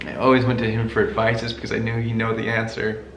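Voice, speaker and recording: A man with a gravelly fry in his voice talks earnestly and emotionally to his viewers. The room sounds echoey, with faint music underneath. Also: lowish voice, completely flat delivery, fast, a bit bright. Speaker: family vlog host. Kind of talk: heartfelt personal talk to viewers. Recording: roomy echo, music behind.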